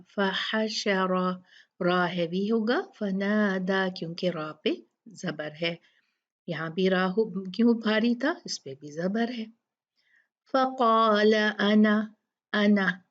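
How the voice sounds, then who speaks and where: Woman tajweed teacher, slow unhurried delivery, repeats syllables patiently, dull lo-fi sound. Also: medium pitch. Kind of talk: tajweed lesson with slow recitation.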